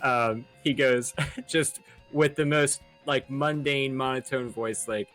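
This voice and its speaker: A man's voice: mid-range voice, slow pace, faint music behind. A young man co-hosting a casual podcast, telling stories with lots of laughter. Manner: laughs a lot, animated storytelling. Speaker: podcast co-host. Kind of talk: casual chat.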